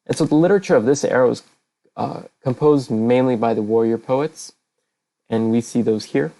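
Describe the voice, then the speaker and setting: A man with a warm, mid-range voice presents a casual slide talk on an online voice channel at normal speed, though the audio is poor. He's hesitant, filling gaps and correcting himself often, and Kazakh is not his first language.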